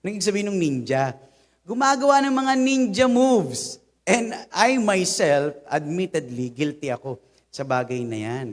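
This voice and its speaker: A young Filipino man preaching a sermon in a humorous, conversational way, telling lively personal stories to his congregation. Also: high voice, normal speed. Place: church hall. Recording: long hall reverb.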